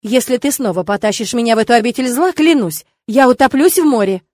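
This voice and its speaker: A woman's voice: a little high, expressive, quick pace, darkish tone, no room sound. A woman reading an audiobook, voicing a defiant young woman who answers in a sarcastic, snappy way.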